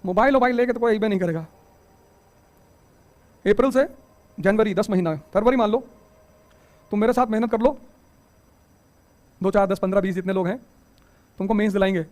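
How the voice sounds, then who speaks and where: Leading a coaching class, a middle-aged man gives a lively motivational speech, leaning on rhetorical questions and jokey asides. He speaks at normal speed in a high-sitting voice, with long pauses.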